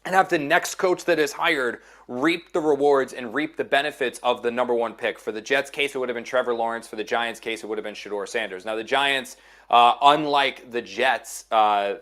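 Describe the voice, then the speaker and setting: A man's voice: medium pitch, a little fast, a bit bright. A man working as an NFL insider in a casual sports chat, emphatic and repeating phrases to drive his points home.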